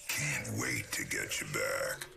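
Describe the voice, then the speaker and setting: A vengeful robotic killer from a video game, taunts with sinister menace. The voice is a very deep mechanical rasp, slow and swooping, over loud music. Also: male voice, huge pitch swings, heavily acted. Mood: sinister, threatening. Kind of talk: video game character acting.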